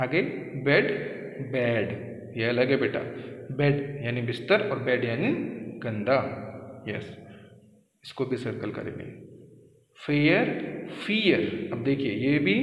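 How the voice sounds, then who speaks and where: A man's voice: mid-range voice, reverberant, big-room sound, lo-fi sound. A man with an Indian accent teaching a school English lesson, explaining patiently and calling the students "beta".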